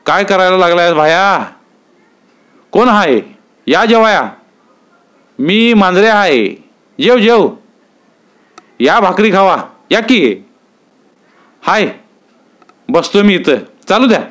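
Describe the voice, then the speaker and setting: A man voicing a loud, overbearing village man with a high, boisterous voice. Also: animated, slow pace, long pauses, heavily acted.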